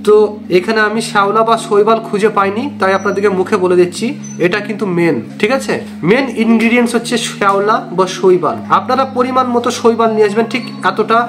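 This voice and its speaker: A young man with a West Bengal Bengali accent, host of a fishing channel, explaining a bait recipe step by step in an earnest, repetitive way. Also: high-pitched. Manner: repetitive, earnest instructional talk. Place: small indoor room. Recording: echoey room with background music.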